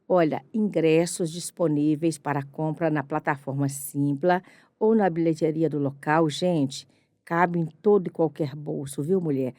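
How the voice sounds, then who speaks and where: Middle-aged female host, low pitch, warm and enthusiastic, dry close sound. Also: no room sound. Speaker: podcast host. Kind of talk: casual interview.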